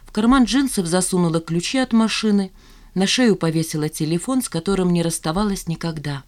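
A woman reading a novel aloud as an audiobook in steady, measured narration. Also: fairly low pitch. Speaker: audiobook reader. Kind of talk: scripted narration.

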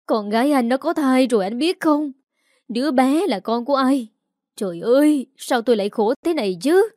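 A woman voicing an anxious, sharp-tongued middle-aged mother in an audio story, who scolds and grows shrill when upset. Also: normal speed, no room sound, clean studio sound, natural voice. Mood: shrill blaming.

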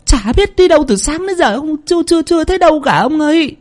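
A man's voice: very high voice, lively intonation, fast talker, voice pushed up. A man voicing a timid young female servant who stammers breathlessly in a spoken ghost story. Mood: panicked stammering.

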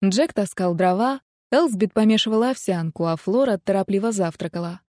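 A woman's voice: mid-range voice, fairly quick, warm tone, no room sound, studio quality. Woman narrating a romance audiobook.

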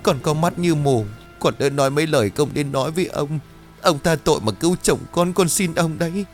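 A man voicing a desperate middle-aged woman who begs for help in a high, tearful voice. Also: lively intonation, normal speed, soft background music, lightly acted. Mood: pleading tearful. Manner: tearful, pleading, high-pitched.

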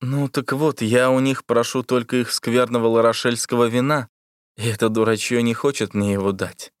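A man's voice: medium pitch, fairly even intonation, normal speed, smooth, no room sound, studio quality, close to an everyday voice. A man reading the part of a wounded captain who speaks with curt, bitter sarcasm. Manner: sardonic, curt.

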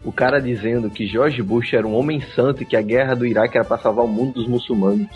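A man's voice: mid-range voice, fairly even intonation, quick pace, muffled recording, soft background music. A man co-hosting a podcast, telling a comic story in a dry, self-mocking way. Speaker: podcast co-host.

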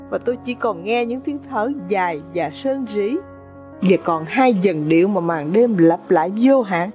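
A woman's voice: medium pitch, dark tone. A woman narrating an audiobook in a dramatic, suspenseful storytelling manner.

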